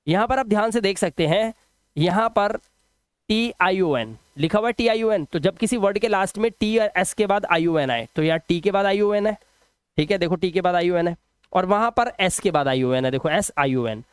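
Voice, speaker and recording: In a video lesson, a man explains English phonics rules, patiently saying example words slowly and testing the viewer. His voice is high-pitched and clean, with no echo.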